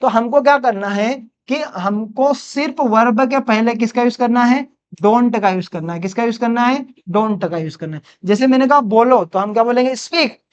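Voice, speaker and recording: A woman with an Indian accent teaching spoken English, drilling phrases slowly and asking her students questions. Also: on the high side, clear, resonant tone. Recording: dull lo-fi sound.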